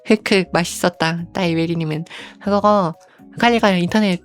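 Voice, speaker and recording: A woman streaming as a virtual creator, chatting casually and unhurriedly, filling pauses with soft hums and speaking of herself in the third person. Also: fairly low pitch, fairly even intonation, faint music behind.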